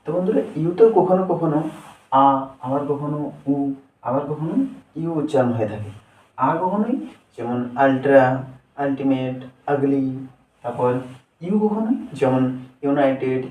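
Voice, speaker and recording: A man teaching children a lesson, speaking slowly and deliberately. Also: medium pitch, warm tone, a little hiss or hum. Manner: slow and deliberate, letter by letter. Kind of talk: slow, step-by-step lesson. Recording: echoey room, distant from the mic.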